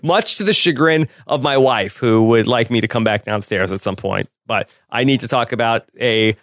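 A man's voice: mid-range voice, moderate pace, fairly bright tone, no room sound. A man co-hosting a casual podcast, trading dry jokes and banter with his co-host. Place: home room.

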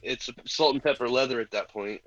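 A man's voice: mid-range voice, fairly quick, a bit bright, no echo, dull audio. A man joining a podcast as a guest in casual chat, explaining things matter-of-factly.

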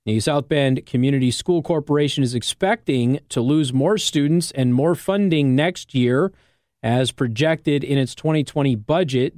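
This American man has a mid-range, somewhat dark voice and plays a radio talk show host, explaining things conversationally while often asking "okay?" and "all right?" to make sure listeners follow. He's in a radio studio on a close microphone, and the sound is clean with no room noise.

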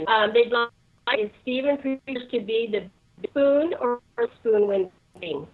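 A woman calling in over a crackly, bad phone connection, calmly and haltingly passing along viewer questions. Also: on the high side. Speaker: host's mother relaying viewer questions. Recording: tinny crackly phone line.

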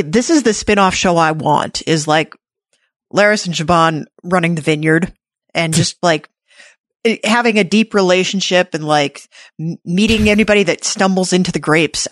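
A woman's voice: fairly low pitch, no room sound. Woman podcast host, playful, chatty, dry close mic. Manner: chatty, playful, many restarts. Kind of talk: casual recap chat.

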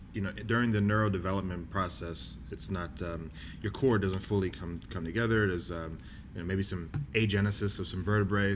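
Calmly explaining things in a very low voice, this young guest interviewee is a doctor in training from New Jersey whose family is Bahamian. His casual answers are measured and sprinkled with fillers, on a noisy recording.

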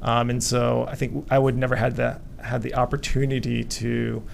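A man from Vietnam, a company co-founder, answering radio interview questions haltingly with many fillers. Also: mid-range voice, flat delivery, gravelly, a little hiss or hum. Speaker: guest, hotel company co-founder.

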